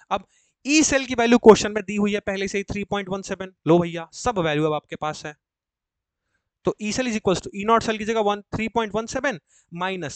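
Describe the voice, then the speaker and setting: A man's voice: high-pitched, no room sound. A young man teaching chemistry for an entrance exam, asking his students questions and then answering them himself. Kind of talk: exam-prep lecture.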